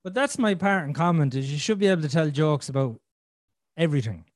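A man's voice: fairly high pitch, expressive, brisk, dry recording. Blunt, sweary man in a dry recording. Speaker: podcast host. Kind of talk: casual, candid conversation.

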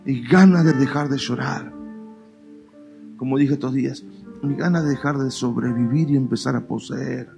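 A male pastor with an Argentine Spanish accent, preaching a lively, colloquial sermon with playful mock dialogues. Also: medium pitch, moderate pace, creaky, music in the background. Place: church.

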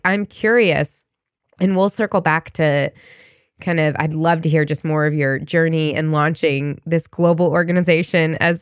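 A woman's voice: sits low, no room sound, studio quality. A woman hosting a podcast interview, asking curious, thoughtful, somewhat rambling questions. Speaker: podcast host. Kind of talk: interview conversation.

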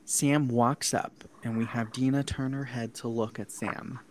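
A man in casual chat, recapping a film scene by scene, cursing freely and laughing as he goes. His voice sits at an ordinary middle pitch. A faint hiss runs under it. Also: measured pace, low-quality recording. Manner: animated, profane, laughs often. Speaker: podcast co-host recapping a film.

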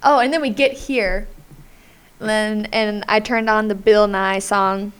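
A woman's voice: medium pitch, slow, clean tone. A young adult woman co-hosting a podcast, chatting casually and acting out voices as she tells stories. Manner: animated storytelling, acts out voices. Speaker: podcast co-host. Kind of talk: casual chat.

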